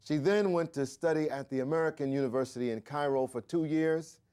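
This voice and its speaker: A man hosting a studio talk show, introducing guests in a measured way with some hesitations. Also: a little high, darkish tone, clear, resonant tone. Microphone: studio microphone.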